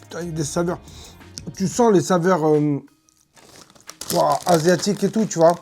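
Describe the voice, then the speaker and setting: A woman's voice: fairly low pitch, moderate pace, a little mellow. A woman giving casual, chatty and emphatic tasting commentary in colloquial speech. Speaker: host of food tasting video. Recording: music playing behind.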